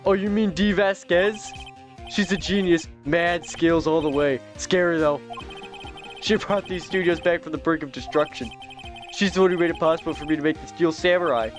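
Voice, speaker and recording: A man's voice: a little high, soft background music, close to an everyday voice. A man doing a drawling surfer-dude director. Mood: laid-back. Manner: slow, drawling slacker slang.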